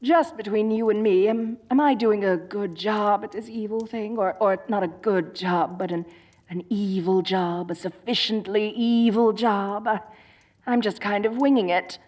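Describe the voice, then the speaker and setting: A woman plays a theatrical, dorky evil sorceress queen in a comedy audio drama, a gleefully wicked, grandiose figure who is nonetheless soft-hearted and awkwardly chatty. Here her natural voice is medium-pitched and steady at a measured pace, sounding unsure and bashful.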